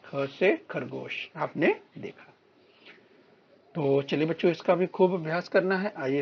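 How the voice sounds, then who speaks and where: A man teaching a recorded lesson to young children, reading words slowly and clearly for them to repeat. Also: sits high, muffled recording. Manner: slow, drawn-out word-by-word reading for children to repeat. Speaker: primary school teacher.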